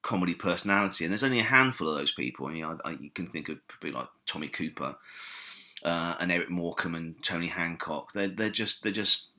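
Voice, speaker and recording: A deep-voiced British man talks comedy history in a loose podcast chat. His tone is low but bright and forceful, and he rambles enthusiastically through fillers and restarts. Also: lively intonation, quick pace. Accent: British English. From Britain. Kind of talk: casual podcast interview.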